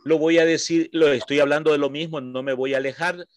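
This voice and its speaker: A man's voice: a little high, fairly even intonation, no room sound. Ecuadorian man teaching a Bible class. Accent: Ecuadorian Spanish. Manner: explanatory, checks understanding with short questions; repeats points slowly for emphasis.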